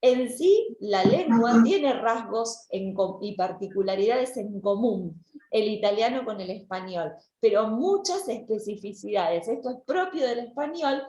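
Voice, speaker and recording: A woman's voice: fairly high pitch, expressive, measured pace, dark tone, reverberant. A woman, lecturing an online language class and explaining step by step with frequent restarts. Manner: explanatory, with many restarts and repeated words. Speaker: language teacher.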